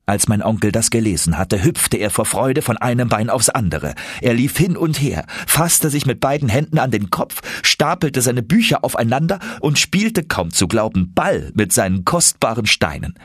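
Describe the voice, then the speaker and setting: A man reading first-person audiobook narration in a steady, measured storytelling manner. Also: mid-range voice, breathy edge, dry recording, clean studio sound.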